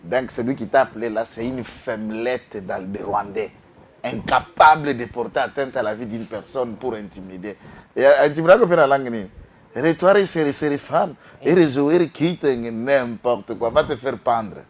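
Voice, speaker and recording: A man from Congo-Kinshasa, guest on a political talk show, speaks passionately in a mid-range voice at a moderate pace. He switches between French and Lingala and rises into outbursts.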